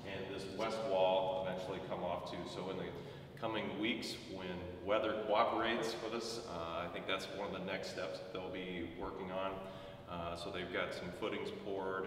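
A man in his thirties explaining construction work at a steady pace with many fillers, recorded in a bare, empty classroom. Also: deep voice. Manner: explanatory, steady, frequent fillers, gestures while talking. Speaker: school administrator. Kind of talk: on-site walkthrough explanation. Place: large empty classroom under construction, indoors. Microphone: camera mic from a distance. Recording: echoey bare room, mic far off, background noise.

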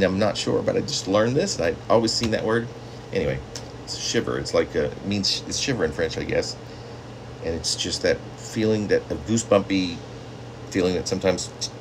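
A man in his fifties with a low voice chats casually and reads poetry to camera from a small indoor room at home. He rambles in a conversational way, like a poet presenting his own work, with background noise present.

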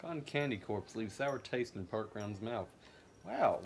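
A man doing gameplay commentary, excitable and jokey, talking back at the game. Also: on the low side, a little slow, slight background noise. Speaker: let's play host.

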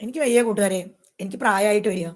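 A woman's voice: medium pitch, racing, a little mellow. A woman talking straight to her viewers in a personal vlog, emphatic and aggrieved, repeating her points. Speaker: YouTuber. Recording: echoey room.

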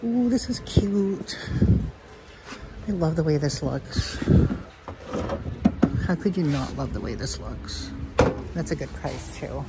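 Filming on a handheld phone, a woman from Canada wanders a large thrift store, casually talking to herself about what she finds. She speaks slowly and animatedly in a low voice, with long pauses. Background music plays, and the recording is very noisy.

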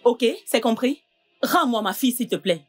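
A woman's voice: on the high side, expressive, normal speed, slightly rough, faint music behind. A woman dubbing a distraught mother of a missing daughter into French, tearful, pleading and accusing. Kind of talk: French film dub.

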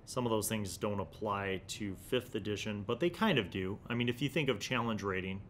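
In a small studio room, a man in his forties hosts a tabletop gaming magazine review series, mixing casual commentary with reading aloud. His fairly low, fairly bright voice is brisk, enthusiastic and emphatic, picked up by a desk microphone close in front, with slight background noise.

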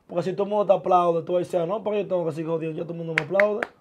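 A young man, a guest chatting casually and laid-back in a small studio, full of street slang and trailing off softly. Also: sits high, fairly even intonation, rapid-fire, background noise. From born in the US, of Dominican parents. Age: young adult. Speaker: guest, musician and TikToker. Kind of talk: casual interview talk. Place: small indoor studio with sofa chairs.

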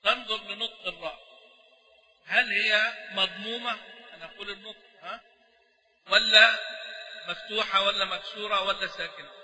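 A male Quran recitation teacher giving a classroom lecture on a poem, often prompting his students with quick questions. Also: sits high, sharp tone. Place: mosque recitation hall. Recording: echoey hall reverb.

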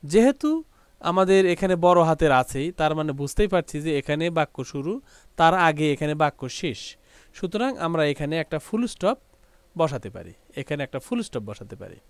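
A man teaching an English textbook lesson, slowly translating each phrase and explaining it. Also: on the high side, sing-song, clear, resonant tone, no echo.

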